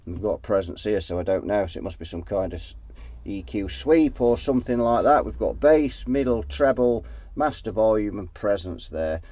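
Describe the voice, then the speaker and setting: Nasal and sniffly from a head cold, a man talks casually through an amp repair at his workbench, thinking aloud and often trailing off before restarting. His fairly low, dark-toned voice is expressive at a normal speed, with no room sound in the recording.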